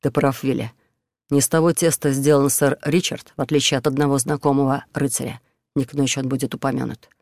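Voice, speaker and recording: A man voicing a calm, good-humoured outlaw leader who gives orders easily. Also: mid-range voice, fairly quick, dry recording, close to an everyday voice. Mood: thoughtful.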